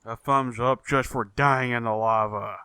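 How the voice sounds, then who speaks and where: A man co-hosting a casual gaming podcast, talking in a slow, agreeable and hesitant way. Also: medium pitch, fairly even intonation, bright, forceful tone, smooth, dry recording. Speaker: podcast co-host.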